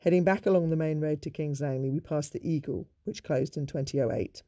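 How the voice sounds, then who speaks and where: A man giving a measured, informative narration of local history in a scripted documentary style. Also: fairly high pitch, over loud music.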